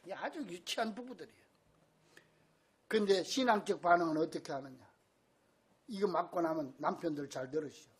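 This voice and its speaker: A male pastor preaching a sermon in a church, telling stories with animation and bursts of shouting. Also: fairly high pitch, a little fast, long pauses, husky. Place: church sanctuary.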